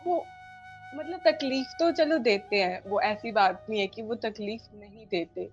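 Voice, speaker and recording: A woman's voice: fairly high pitch, a little slow. A young woman from India, a guest on a podcast, retelling a personal story with feeling, acting out the lines of each person and repeating phrases. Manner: animated retelling, acts out dialogue, repeats phrases. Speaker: guest devotee. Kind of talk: emotional storytelling in a podcast interview. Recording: dull lo-fi sound with faint music.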